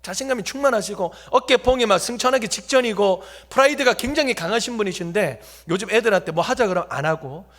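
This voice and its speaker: High-voiced preacher. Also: male voice, lively intonation, fast, few pauses, fairly bright tone. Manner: jokey, talks directly to the congregation. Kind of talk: humorous sermon storytelling. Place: church sanctuary.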